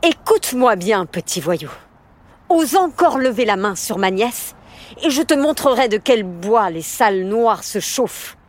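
A woman's voice: mid-range voice, expressive, a little slow, long pauses. A woman voicing a fierce, protective aunt who is loving but stern, speaking firmly and with emphasis. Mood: fierce scolding. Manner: firm, emphatic.

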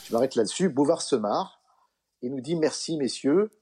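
A middle-aged man, a comedian guest in an interview, telling anecdotes in a relaxed way with many fillers and acted-out dialogue. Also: mid-range voice, a little fast, slightly rough. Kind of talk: relaxed storytelling.

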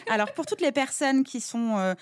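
A woman's voice: high-pitched, expressive, normal speed. A woman hosting a podcast, chatting and asking questions in a bubbly, enthusiastic way. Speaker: podcast host. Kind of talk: casual interview chat.

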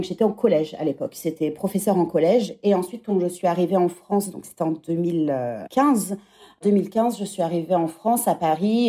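A woman's voice: on the low side, mellow. A woman in her thirties, a podcast guest and former teacher, speaking reflectively in a conversational interview. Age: 30s. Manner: reflective, thinking aloud.

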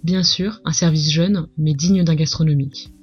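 A woman's voice: sits low, fairly even intonation, normal speed, breathy edge, highs cut off. A woman with a French accent narrating a scripted story as the host of a culinary podcast. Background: music.

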